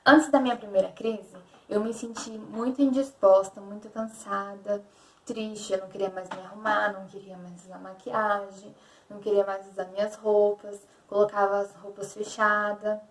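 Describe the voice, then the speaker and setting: A woman's voice: mid-range voice, little pitch movement, normal speed, far from the mic. A young woman from Brazil, a vlogger telling a personal story candidly and repeating words as she goes. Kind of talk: personal confessional vlog. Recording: echoey room, voice off-mic.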